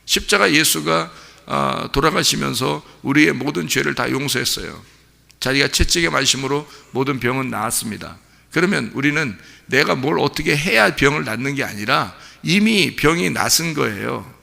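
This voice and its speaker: A man's voice: mid-range voice, lively intonation, moderate pace, vocal fry, bright, forceful tone, big-room sound. A male pastor giving an early-morning sermon in a folksy, conversational way, acting out a mother and child in short quoted voices. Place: church sanctuary.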